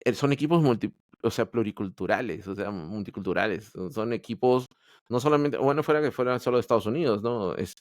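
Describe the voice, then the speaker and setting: A man from Peru, an Android developer guesting on a podcast, tells his story in a casual interview, candid and hesitant with frequent restarts. His mid-range voice runs a little fast, captured in a dry, studio-quality recording.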